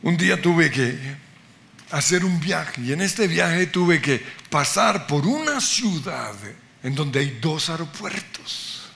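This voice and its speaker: Gravelly, bright-voiced man preaching. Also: on the high side, expressive. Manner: emphatic preaching with dramatic pauses and rising exclamations. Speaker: pastor. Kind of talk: sermon. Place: church.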